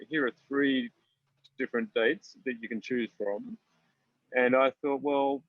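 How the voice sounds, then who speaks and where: A man's voice: medium pitch, dry recording. A man rambling through a story on a video call, full of fillers and restarts. His mic keeps cutting out, so the volume dips and swells unevenly. The sound is dull and lo-fi, close and dry with no room around it. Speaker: podcast guest. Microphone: video call, weak connection.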